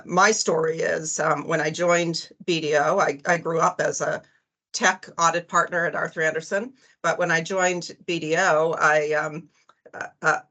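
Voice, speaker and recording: A woman's voice: sits low, gravelly, a bit bright. A woman in her forties with a Boston accent, speaking as a panelist on a video call, friendly and conversational. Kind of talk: virtual panel discussion. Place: home office over video call.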